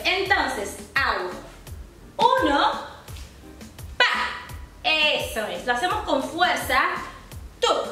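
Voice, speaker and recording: A young woman with a very high, bright voice leads a dance lesson. She counts the beats and makes sound effects for the steps, keeping it upbeat and encouraging. She is heard from a distance in a very echoey room, with faint music underneath. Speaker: dance instructor. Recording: very echoey room, mic far off.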